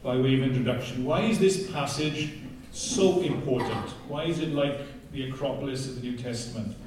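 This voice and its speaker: This preacher from Wales, with a Welsh accent, reads scripture and gives a passionate sermon, frequently gaining speed as he continues. His medium-pitched voice has a darkish tone and moderate pace, and the distant recording comes from a very echoey hall.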